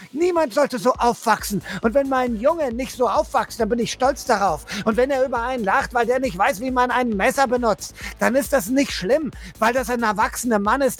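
A man's voice: very high voice, fairly bright tone. An actor playing a young father who stammers and pleads heatedly, defending the respectable life he has built.

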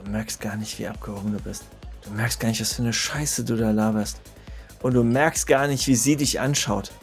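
A man's voice: on the low side, fairly even intonation, moderate pace, faint music behind, close to an everyday voice. An actor playing a crude, bitter young man from the streets who taunts and swears at his old friend.

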